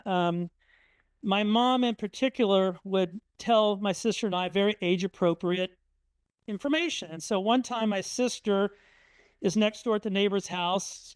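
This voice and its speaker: Family anecdotes fill this slide-based museum talk by a middle-aged author from Indiana, USA, who speaks conversationally and leans on ums and uhs. His voice is high and smooth, with no echo.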